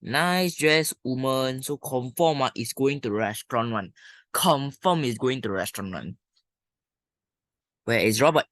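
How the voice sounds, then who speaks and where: Slow talking teacher w malaysian or singaporean accent, really up and down pitch, casual lesson, thinks out loud. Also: animated, no room sound, studio quality. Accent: Malaysian or Singaporean English. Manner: colloquial Singlish-style particles, thinking aloud. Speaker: primary school English teacher. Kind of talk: informal lesson, talking through exercises.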